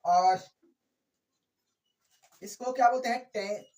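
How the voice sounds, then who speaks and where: A woman's voice: medium pitch, slow pace, mellow. A woman biology teacher giving a classroom lecture at the board, repeating key words and asking rhetorical questions, dropping in English terms. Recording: echoey room, far from the mic.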